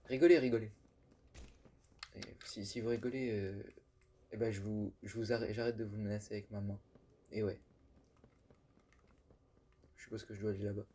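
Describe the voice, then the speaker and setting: A man's voice: lowish voice, flat delivery, normal speed, pauses often, mellow, husky. A young man casually commenting on a game he is playing, joking and chatty with many fillers and restarts. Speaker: gaming youtuber. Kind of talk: casual let's-play commentary.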